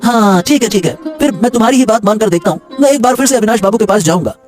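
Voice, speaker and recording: A man's voice: high voice, expressive, quick pace, a little mellow. A man voicing an eager, deferential young man looking for work in a cartoon. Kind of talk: cartoon voice acting. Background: background music.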